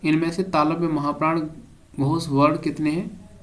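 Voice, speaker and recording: A man's voice: fairly high pitch, flat delivery, moderate pace, a bit bright. A male teacher giving an exam prep lesson, reading each question aloud and then giving the answer with a brief explanation.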